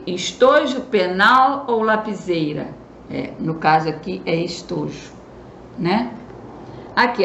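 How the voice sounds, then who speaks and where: A woman teacher with a Brazilian Southeast accent gives a remote lesson to children, explaining slowly and often checking in with a quick question. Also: mid-range voice, gravelly, roomy sound, muffled recording, slight background noise.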